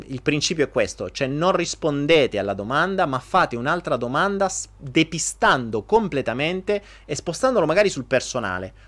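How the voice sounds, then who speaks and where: A man hosting a casual live chat, animated and jokey, talking straight to his viewers. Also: mid-range voice. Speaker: live stream host answering viewers.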